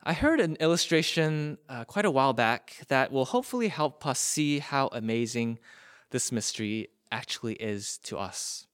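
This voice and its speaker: A male preacher talks his listeners through a story in a sermon, speaking to them directly in a medium-pitched voice. The recording is dry and close, with no room echo. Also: expressive, normal speed, fairly bright tone, clear, resonant tone.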